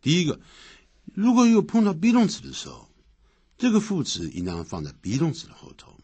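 Male grammar teacher, husky and low, very lively intonation, dry close sound, methodical lecturing. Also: brisk, dry recording. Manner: explains step by step, repeating example sentences. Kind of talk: classroom-style grammar lecture.

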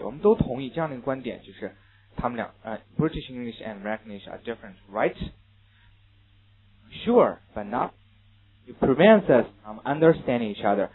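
Tinny recorded male English teacher. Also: mid-range voice. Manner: lively, chatty, mixes English phrases and anecdotes. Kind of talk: classroom lecture. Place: classroom. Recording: tinny, phone-like lecture recording.

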